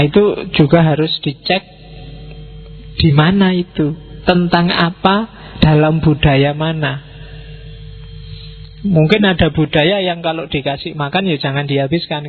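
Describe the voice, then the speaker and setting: A man giving an informal philosophy lecture to students, chatty and teasing, acting out quick exchanges and mixing in words. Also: on the high side, breathy edge, narrow, tinny audio.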